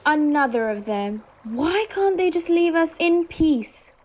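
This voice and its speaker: A woman's voice: high-pitched, animated, a little slow, faint music behind. An actress playing a grumpy, frail old lady in comic stage operetta dialogue, politely indignant and peevish. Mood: weary, peevish. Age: older.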